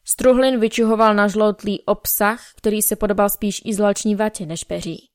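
Smooth-voiced woman narrating a novel. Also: mid-range voice, fairly even intonation, no echo, studio quality. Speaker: audiobook narrator. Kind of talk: scripted first-person narration.

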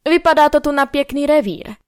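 A woman's voice: high-pitched, darkish tone, no room sound, studio quality, voice pushed up, natural voice. Woman voicing a cheerful nosy northern man. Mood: curious. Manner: friendly, politely inquisitive.

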